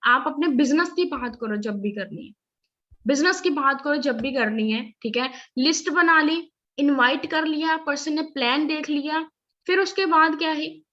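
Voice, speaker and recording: A woman giving a network marketing training session, mixing in words and often checking with listeners whether things are clear. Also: high voice, moderate pace, sharp tone. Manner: instructive, often checks "ठीक है?" and "clear है?". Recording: slightly dull lo-fi audio.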